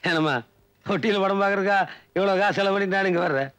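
A man's voice: high voice, quick pace, fairly bright tone. An actor playing a gray-haired village man who grumbles and teases in a film scene. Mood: grumbling.

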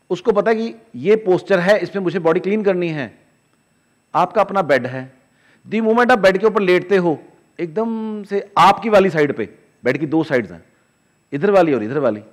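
A man explains spiritual ideas in a casual, lively lecture to camera. His voice sits a little high and leaps around in pitch. He slips into short asides that play out inner voices. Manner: animated, acts out inner voices with sudden drops in pitch and loudness. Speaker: spiritual teacher.

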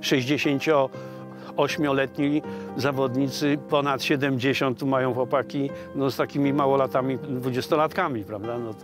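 A man's voice: mid-range voice, fairly even intonation, normal speed. A man, speaking conversationally in an informal interview as a veteran athlete. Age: 60s. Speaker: veteran amateur kayaker. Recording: music behind the voice. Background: music.

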